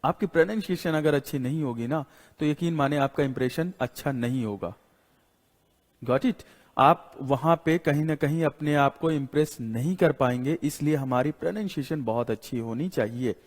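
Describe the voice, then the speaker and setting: A male teacher giving a classroom lecture. He explains slowly, repeats his points and keeps asking "got it?", mixing English words into Hindi. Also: medium pitch. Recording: long hall reverb.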